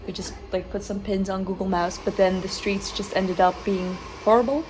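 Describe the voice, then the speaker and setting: A woman's voice: medium pitch, fairly even intonation, normal speed, background noise. A woman vlogger chatting casually and informally outdoors during a trip. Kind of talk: casual outdoor vlog chat.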